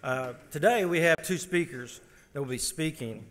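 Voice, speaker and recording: A man's voice: a little high, moderate pace, fairly bright tone. A man acting as emcee, reading a speaker introduction and stumbling over some words. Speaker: event emcee. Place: large conference hall. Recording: long hall reverb.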